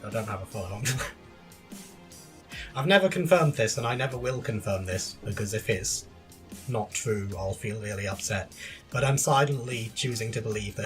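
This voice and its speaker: A man co-hosting a podcast in casual chat about video games, chatty and laughing often between sentences. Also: mid-range voice. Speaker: podcast co-host.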